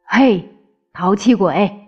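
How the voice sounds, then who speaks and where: A woman's voice: mid-range voice, normal speed, close to an everyday voice. A woman voicing a huge, fierce old bearded demon who roars threats, in a storybook reading. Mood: threatening. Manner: roaring, threatening. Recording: slightly dull with faint music.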